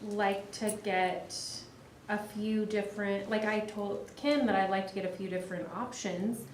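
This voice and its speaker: A woman's voice: mid-range voice, steady tone, unhurried, a little hiss or hum. A woman school board member asking direct questions during a training work session. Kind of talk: casual meeting discussion. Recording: echoey meeting room.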